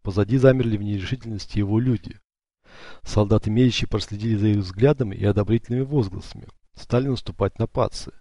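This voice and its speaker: Low, dark-voiced male narrator. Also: fast, no echo. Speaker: audiobook narrator. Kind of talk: scripted narration.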